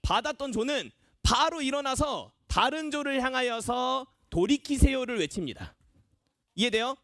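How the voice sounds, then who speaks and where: A man's voice: extremely high pitch, moderate pace, no echo, studio quality. A young man, a children's ministry evangelist, playfully explaining a game to kids during worship. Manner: animated, playful instructions to kids. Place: church children's worship room.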